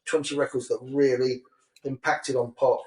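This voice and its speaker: A man's voice: medium pitch, level tone, normal speed, a little mellow, low-quality recording. A middle-aged man co-hosting a podcast, chatting easily, self-deprecating and laughing often. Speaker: podcast co-host and magazine editor. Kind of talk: casual chat.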